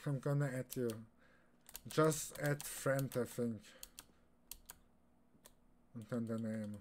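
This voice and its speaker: A young Austrian man, a native German speaker with an Austrian accent, casually commentates live while streaming a game. His mid-range voice moves at a slow, easy pace. Keyboard clicks and background noise come through clearly.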